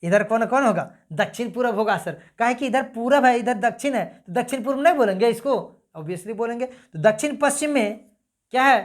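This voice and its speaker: A woman's voice: on the high side, animated, fairly quick. A woman teaching a geography lesson, repeating points and quizzing her listeners as she goes. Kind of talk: casual classroom-style lesson.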